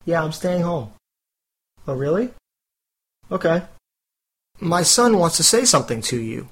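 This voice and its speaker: A man's voice: on the high side, big pitch swings, unhurried, a bit bright, slightly rough, heavily acted. A man playing a meek, hesitant employee. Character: meek polite male employee. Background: music.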